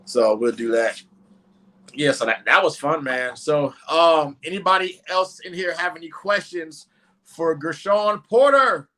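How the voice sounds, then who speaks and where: Bright-voiced man hosting a live auction. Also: on the high side, measured pace, low-quality recording. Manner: joking, laughs often, auctioneer patter. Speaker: host running a live stream auction. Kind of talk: casual live-stream chat.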